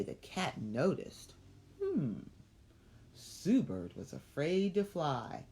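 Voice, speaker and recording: A middle-aged woman reading a children's picture book aloud, expressive and asking the listeners questions. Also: very deep voice, a little hiss or hum. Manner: expressive, asks listeners questions between passages. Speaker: children's story reader.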